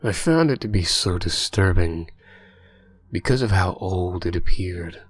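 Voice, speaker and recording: Deep, slow male horror narrator. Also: expressive, husky, no echo. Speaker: story narrator. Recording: faint background music.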